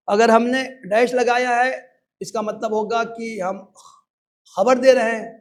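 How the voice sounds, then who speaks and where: An older man with an Indian Urdu accent giving a measured, explanatory lecture and reading example sentences aloud. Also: sits high. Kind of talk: formal lecture.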